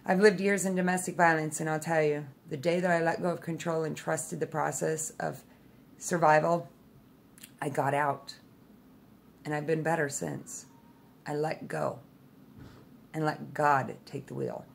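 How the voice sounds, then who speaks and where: Low gravelly-voiced woman, earnest vlog. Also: little pitch movement, measured pace, pauses often. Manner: earnest, heartfelt, emotional at times. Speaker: vlogger. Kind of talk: personal reflective talk.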